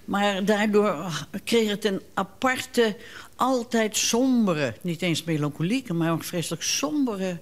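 A guest talks reflectively in an interview, pausing and searching for the right words. The voice sits at an ordinary middle pitch. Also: expressive.

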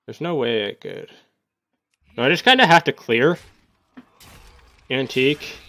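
A man's voice: mid-range voice, no echo. Man muttering through gameplay commentary. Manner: thinking aloud, muttering, sudden excited outbursts. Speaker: gaming YouTuber. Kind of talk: casual live gameplay commentary.

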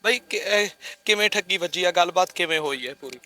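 A man's voice: high voice, lively intonation, fairly quick, sharp tone. A man with a Punjabi accent reporting on the spot, questioning people and repeatedly consoling them. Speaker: field reporter. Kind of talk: on-the-spot news interview.

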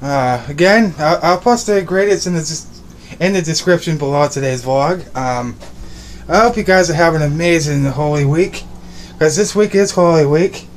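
Young man, slightly high voice, upbeat rambling cooking vlog, home kitchen, phone at arm's length. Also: moderate pace, a little hiss or hum. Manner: rambling, repeats words, upbeat. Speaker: vlogger. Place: small home kitchen and bedroom indoors. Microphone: phone camera at arm's length.

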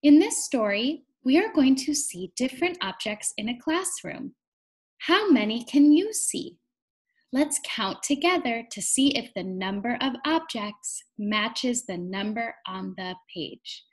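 Here an encouraging teacher's sing-song tone guides a children's read-aloud, delivered slowly and with care. The reader is a young woman whose fairly high voice is very lively.

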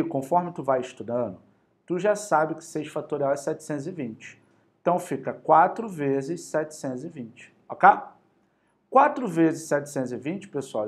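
A male math teacher with a Carioca accent runs a high-energy exam-prep lesson. His voice sits a bit high for a man, and his talk is lively, slangy and full of encouragement as he counts through each step aloud. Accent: Carioca Brazilian Portuguese.

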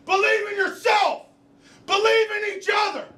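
A middle-aged male coach bellows a high-pitched, forceful pep speech. He hammers home repeated phrases to his team. The locker room rings with echo. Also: fairly even intonation, a little slow. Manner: emphatic, repetitive phrasing. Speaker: football coach. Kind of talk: shouted pregame pep speech. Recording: echoey locker room, distant camera mic.

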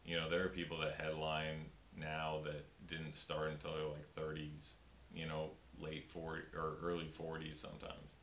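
Moderately paced and monotone, the very deep voice of a young stand-up comedian comes across a bit bright. He talks casually in an interview with plenty of fillers and restarts. Framed upper-body on a fixed camera before a pink backdrop in a small room, the recording is roomy with faint hiss.

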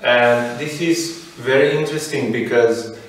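Man, preacher, halting short phrases, restarts, echoey hall, distant mic. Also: mid-range voice, steady tone. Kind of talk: sermon with interpreter.

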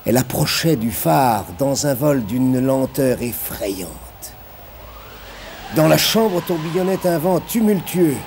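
A man's voice: mid-range voice, expressive, slow, slight background noise. Man telling a spooky tale theatrically. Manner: theatrical, sinking to hushed tones and rising to cries. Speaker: storyteller. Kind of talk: dramatic storytelling on television. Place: television studio set of a haunted castle.

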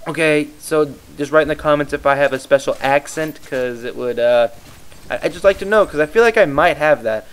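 Rambling casually over gameplay, a tired young man from the Midwest keeps losing his train of thought as a YouTube gaming commentator. His slightly high voice is smooth and fairly quick.

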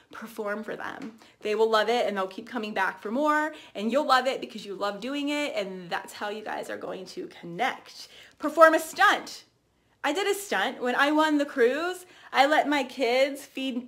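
Chatty higher-voiced woman giving a training. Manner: chatty, energetic, lots of fillers and restarts. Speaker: team trainer. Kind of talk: casual training talk to camera.

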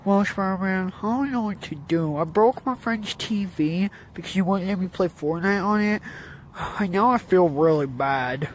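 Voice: medium pitch, moderate pace, a little hiss or hum, close to an everyday voice. Someone playing a whiny, panicky kid. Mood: sheepish. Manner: whiny, fretful. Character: whiny, mischievous kid who panics easily. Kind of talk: fan puppet video acting.

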